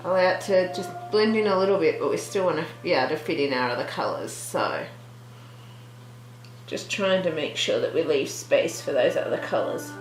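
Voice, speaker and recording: Casting note: woman, lowish voice, casual art-tutorial host who thinks out loud; roomy echo, faint music behind. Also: animated, moderate pace. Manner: chatty, thinks aloud, trailing restarts. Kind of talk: relaxed real-time art tutorial chat.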